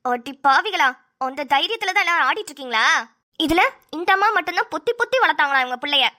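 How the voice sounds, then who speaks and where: In this animated cartoon voice acting, a woman plays a fed-up daughter-in-law who is sarcastic and keeps muttering grumbling asides. Her very high, bright, sharp voice sends the words tumbling out fast.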